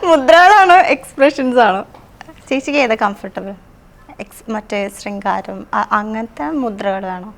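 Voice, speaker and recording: A woman's voice: a little high, expressive, unhurried. A woman interviewer chatting playfully and setting the guest little tasks. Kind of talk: casual interview chat.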